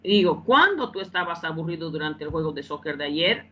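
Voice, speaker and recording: A woman's voice: low voice, expressive, brisk, bright, forceful tone, lo-fi sound. A woman teaching English in Spanish in an online class, repeating phrases and often checking that students follow.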